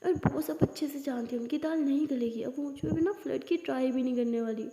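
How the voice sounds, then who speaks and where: A tender young woman coaxes and teases in a soft, mellow, gravelly voice as a woman narrator puts her on. The voice echoes around a reverberant room. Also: high-pitched, quick pace. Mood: hushed. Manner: soothing, coaxing. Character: tender, teasing young woman, a soothing partner.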